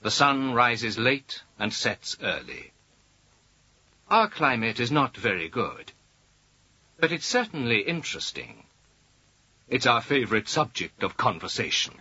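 A man speaking slowly and carefully in a scripted language-course dialogue. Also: mid-range voice, very animated, pushed and bright, dry recording. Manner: slow, careful, clearly spaced delivery. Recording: dull lo-fi audio.

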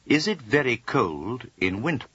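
A man's voice: mid-range voice, very animated, measured pace, bright, forceful tone, slightly rough, dry recording. A man asking scripted questions in a language-course dialogue. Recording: dull lo-fi audio.

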